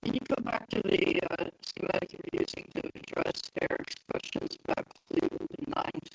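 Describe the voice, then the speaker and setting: A woman in a remote meeting whose call audio is garbled and breaking up. She asks questions and directs the slide view step by step. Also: normal speed. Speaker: meeting participant asking questions. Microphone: remote video call. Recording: garbled distant call line, raspy.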